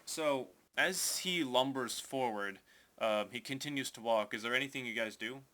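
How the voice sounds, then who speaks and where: A man narrating as game master in a tabletop game, loose and halting with many fillers. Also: mid-range voice, sharp tone.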